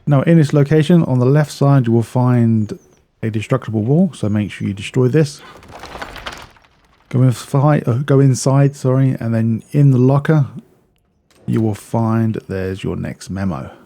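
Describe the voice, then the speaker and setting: Speaking in an unhurried, medium-pitched voice with a dark tone, this man guides listeners through a video game. He explains each step casually, frequently repeating himself or correcting what he just said.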